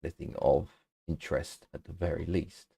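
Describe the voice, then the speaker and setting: A man runs a tabletop game as game master, narrating the scene at an unhurried pace and filling gaps with ums. His voice sits very low. The sound is dry and close. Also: level tone, vocal fry, mellow, breathy edge, no echo. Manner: unhurried narration full of um fillers.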